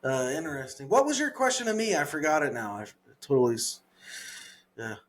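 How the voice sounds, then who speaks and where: This adult podcast co-host has a Southern accent and a fairly high, sing-song voice that moves briskly. His chat is relaxed, full of laughs and trailing pauses as he gropes for words.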